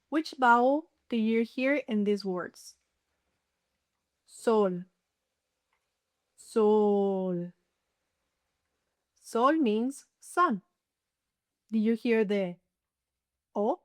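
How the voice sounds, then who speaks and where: Woman, language teacher, slow careful delivery, higher voice, dry close sound. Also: no echo. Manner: slow, clear and carefully enunciated, repeating each word. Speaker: Spanish teacher. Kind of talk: slow scripted language lesson.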